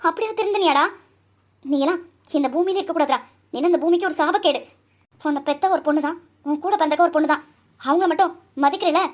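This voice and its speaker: A woman voicing a fierce young woman doctor who takes revenge in a cartoon, scolding and declaiming with fiery force. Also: extremely high pitch. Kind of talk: cartoon voice acting.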